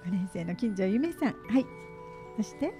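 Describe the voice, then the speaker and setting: A middle-aged woman hosts live community radio from a small studio, announcing and interviewing in a polite, conversational way. Her medium-pitched voice swings widely in pitch at a moderate pace, picked up by a studio boom mic while she wears headset headphones. Soft, faint music plays behind her.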